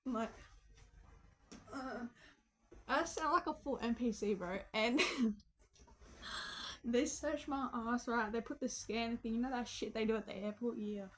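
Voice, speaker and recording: A woman's voice: a little high, a little slow, long pauses, poor audio. A young woman casually telling a story about herself, full of slang and swearing, joking and calling the listener "bro". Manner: slangy, profane, joking, says "bro" a lot. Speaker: vlogger.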